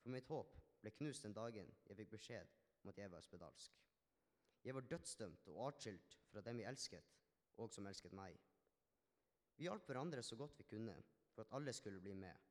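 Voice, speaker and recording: A man's voice: on the low side, lively intonation, lightly acted. A man playing a healed Samaritan leper man, telling his story in an earnest, reflective first-person monologue with small restarts. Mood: somber. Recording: long hall reverb.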